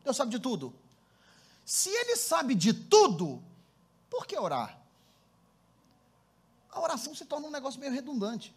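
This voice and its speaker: A man preaching a sermon as pastor, telling stories with animated energy and calling on the congregation to answer. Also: extremely high pitch, unhurried, long pauses, breathy edge. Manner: storytelling, animated, laughs often, calls congregation to respond. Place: church hall before a congregation. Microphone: handheld microphone.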